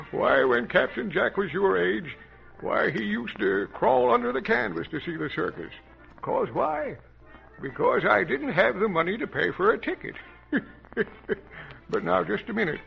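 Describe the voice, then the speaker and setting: A folksy old adventurer captain telling children his tales, with a raised, very gravelly voice. It comes through as an old radio show, muffled and lo-fi with a faint hiss behind it. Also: high voice, exaggerated voice. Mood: jovial. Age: older. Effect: old radio show sound. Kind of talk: 1930s radio acting.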